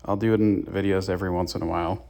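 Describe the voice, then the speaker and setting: A man's voice: sits low, steady tone, fast talker, vocal fry, dark tone. A young man giving casual gameplay commentary and tips to his viewers as the channel's host. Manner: chatty, gives tips to viewers. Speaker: gaming YouTuber.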